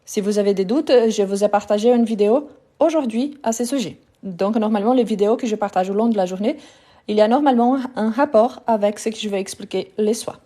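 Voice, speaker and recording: A woman's voice: mid-range voice, fairly quick, warm tone. A woman teaching a live online French lesson, patiently repeating each word to drill pronunciation and speaking directly to her viewers.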